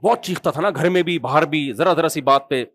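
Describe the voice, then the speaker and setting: Pakistani male preacher, lively joking sermon, high voice, dry mic. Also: no echo. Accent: Pakistani Urdu. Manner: humorous, animated storytelling with acted quotes; asks the audience questions.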